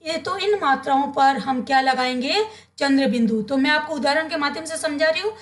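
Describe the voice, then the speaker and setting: A high-voiced woman explaining grammar as a teacher. She asks her students questions, answers them herself and repeats the key terms so they stick. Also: fairly quick. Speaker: Hindi teacher.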